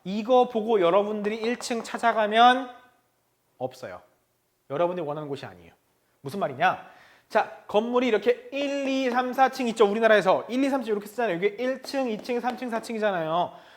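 A man's voice: high-pitched, lively intonation, fairly quick. A man teaching a German lesson to Korean learners, asking questions and answering them himself.

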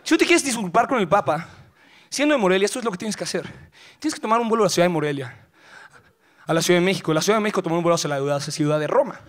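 A male stand-up comedian with a Mexican accent, delivering an animated, slangy live set on stage. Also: high-pitched, racing. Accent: Mexican Spanish. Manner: animated, slangy, acting out voices.

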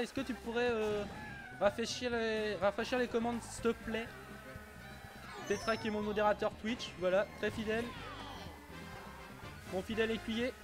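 A man streaming a kart racing game live, chatting casually with viewers, often stumbling and repeating himself and swearing now and then. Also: high voice.

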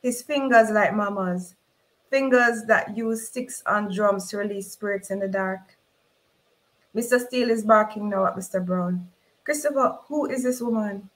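Woman author, own novel read aloud, slow and measured, mid-pitched voice. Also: rough recording. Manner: slow, measured reading in dialect.

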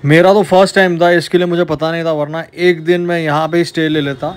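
एक युवा पुरुष ट्रैवल व्लॉगर, बाहर पर्यटन पार्क में कैमरे से बोलते हुए, उत्साह से बातें करता है और हिंदी में अंग्रेज़ी शब्द मिलाता है।. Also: male voice, on the high side, fast talker, clear, resonant tone. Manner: chatty, excited, mixes English into Hindi. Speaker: travel vlogger. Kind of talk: casual travel vlog.

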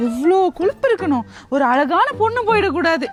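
Comedy sketch: woman, very high and lively voice, indignant gossipy tone. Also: fairly quick, over loud music. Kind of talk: comedic skit dialogue.

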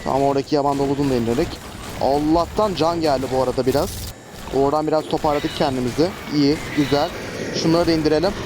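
A man's voice: fairly high pitch, steady tone, fast talker. A man giving casual, chatty gameplay commentary as a gaming host, often exasperated and cursing at enemies. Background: traffic noise.

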